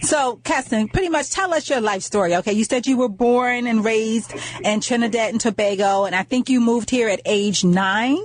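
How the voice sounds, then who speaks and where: A woman's voice: fairly high pitch, moderate pace, few pauses. A woman hosting a radio talk show, upbeat and chatty, repeating words and using fillers.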